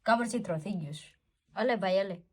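A young woman, talking gently at home and cooing to a dog. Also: mid-range voice, brisk, breathy edge. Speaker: vlogger's wife. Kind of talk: casual home conversation.

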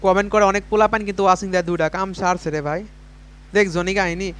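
A young man runs a casual gaming livestream, reading out viewer names and comments. His voice sits high, smooth and crisp, and he talks quickly. He keeps up a chatty flow and keeps asking viewers for coins. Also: steady tone, fairly bright tone. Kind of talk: casual live stream chat.

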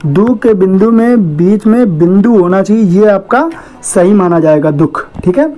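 A woman's voice: medium pitch, warm tone, poor audio. A woman teaching a Hindi shorthand lesson, going through words one by one and checking each point with the class. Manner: repeats "theek hai" after each point, patient and methodical. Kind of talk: explaining a lesson on screen.

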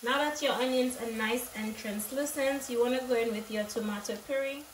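Woman doing a cooking video at home, kinda high voice, keeps saying okay, echoey kitchen a bit away from the mic. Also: fairly quick, far from the mic, background noise. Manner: chatty, ends phrases with "okay?". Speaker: cooking channel host. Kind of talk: casual cooking tutorial. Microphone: off-camera camera mic, overhead framing.

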